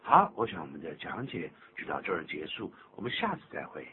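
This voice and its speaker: An older man hosting a radio English lesson, explaining phrases in an animated, teacherly way. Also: low voice, fairly quick. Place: radio studio. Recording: tinny lo-fi radio broadcast with faint hum.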